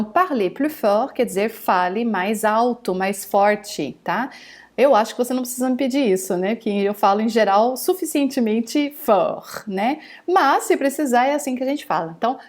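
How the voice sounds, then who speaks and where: A woman's voice: medium pitch, darkish tone. A woman teaching French phrases in an online lesson, saying each phrase carefully twice and then explaining it. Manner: slow, careful modelling of phrases, repeated twice.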